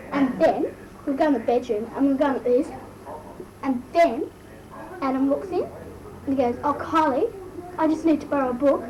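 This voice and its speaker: A woman doing an amateur comic impression of a bratty, gossipy Australian teenage schoolgirl "mole", telling embarrassed, slangy stories in a breathless drawl. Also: high voice. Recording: noisy amateur recording, distant mic.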